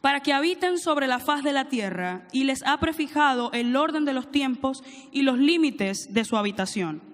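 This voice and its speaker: A woman preacher with a high voice delivers a sermon, reading verses aloud and asking the congregation to answer back. Her voice carries a long, ringing church reverb. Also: lively intonation, moderate pace. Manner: reads scripture aloud, prompts congregation to answer. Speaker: preacher, church teaching director.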